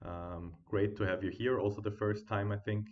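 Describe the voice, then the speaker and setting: A man at home giving live trading commentary, thinking aloud as he watches the charts and chats with his viewers, on a quiet built-in computer mic. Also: fairly low pitch, little pitch movement, normal speed, lo-fi sound. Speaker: day trading streamer.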